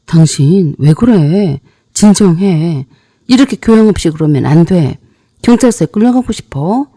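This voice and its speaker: A woman's voice: on the low side, lively intonation, dark tone, no room sound, studio quality. A woman voicing a timid, pleading husband in a story narration. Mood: alarmed. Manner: slow, pleading.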